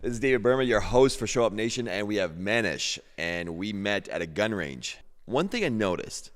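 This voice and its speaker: A man with a low voice hosts a podcast, asking curious, meandering questions and answering his guest with quick reactions. His voice carries a long reverb, as if the room rings around him. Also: lively intonation. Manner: curious, repeats words, lots of short reactions. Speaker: podcast host. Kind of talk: conversational interview.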